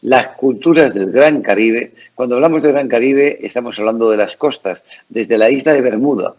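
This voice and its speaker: A man's voice: medium pitch, normal speed, a little mellow, dull audio. A man hosting a conversational interview in a courteous, formal and wordy way. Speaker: interview host.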